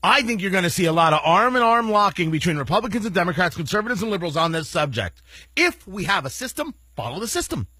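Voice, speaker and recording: A man's voice: high voice, very animated, fast, bright, forceful tone, slightly rough, no room sound. A man hosting talk radio, delivering an indignant, sarcastic monologue. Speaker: radio talk show host.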